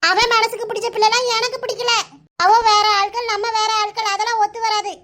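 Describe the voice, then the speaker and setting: Cartoon mom, Kanyakumari Tamil accent, wailing and stubborn, very high voice. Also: female voice, flat delivery, a little fast, noisy background. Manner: wailing, lamenting, repeats phrases. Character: grieving middle-aged village mother, stubborn and bossy. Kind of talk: animated cartoon dialogue.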